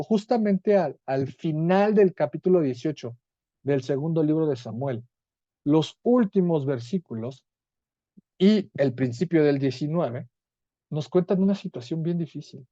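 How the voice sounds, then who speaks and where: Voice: medium pitch, lively intonation, measured pace, dark tone, no echo, muffled recording. A Bible study teacher with a Mexican accent, reading scripture aloud and explaining it in an earnest way, with small restarts.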